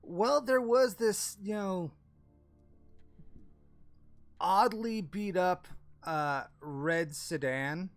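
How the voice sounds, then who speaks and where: A man acts out an elderly woman witness in an improvised tabletop game, her voice set a touch higher than his own. She talks slowly and haltingly, stacking up fillers and restarts. The result is polite and gossipy. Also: soft background music, exaggerated voice. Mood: chatty. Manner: hesitant, stammering, full of fillers. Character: nosy elderly woman neighbor, rambling and polite. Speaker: game master. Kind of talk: tabletop role-play, improvised character voice.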